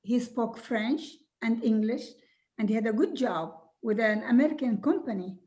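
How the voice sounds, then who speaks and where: An older woman from Jordan, a native Arabic speaker, telling her life story slowly and earnestly, with soft laughs now and then. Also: fairly high pitch, dull audio. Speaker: guest speaker. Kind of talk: recorded video conversation.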